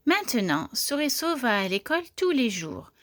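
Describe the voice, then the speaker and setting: A woman reading a children's story aloud in a clear, gentle storytelling manner. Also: on the high side, big pitch swings, moderate pace, no room sound, studio quality.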